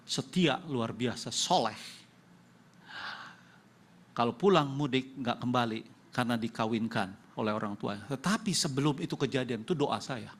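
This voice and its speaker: A middle-aged man preaching a sermon as pastor in a church, who often jumps to loud, high-pitched emphasis and puts questions to the congregation. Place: church hall.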